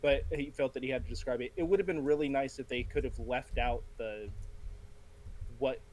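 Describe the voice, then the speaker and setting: A man with a mid-pitched voice discussing films in a relaxed chat. He argues his case as an animated storyteller, building his points step by step. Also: normal speed, rough recording. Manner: animated storyteller who acts out quoted lines. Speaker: podcast panelist. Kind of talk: casual film discussion.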